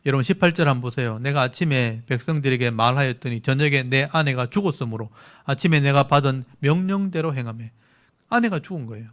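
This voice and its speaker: A man's voice: fairly high pitch, fairly bright tone. A male pastor preaching an expository midweek sermon, reading verses aloud and explaining them plainly to his congregation. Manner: explains scripture plainly, reads verses aloud, asks listeners to look at verses.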